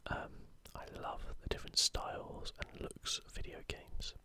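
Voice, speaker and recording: Throughout, an ASMR host whispers gently and without hurry while presenting to viewers.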